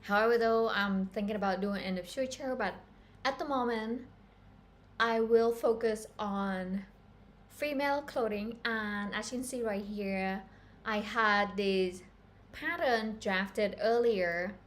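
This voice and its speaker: A woman's voice: medium pitch, slow. A woman from Cambodia, giving a chatty, earnest live-stream tutorial on pattern making and talking straight to her viewers. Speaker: fashion pattern-making instructor.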